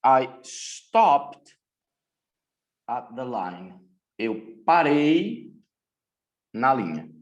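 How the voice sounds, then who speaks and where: A man from Brazil teaching English grammar in a recorded lesson, speaking deliberately and repeating key points. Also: mid-range voice, sing-song.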